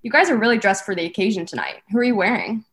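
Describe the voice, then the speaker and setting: A woman's voice: mid-range voice, racing, a bit bright, close to an everyday voice. A young woman playing a bubbly red carpet host in a scripted student comedy sketch. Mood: upbeat. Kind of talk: scripted mock awards-show hosting.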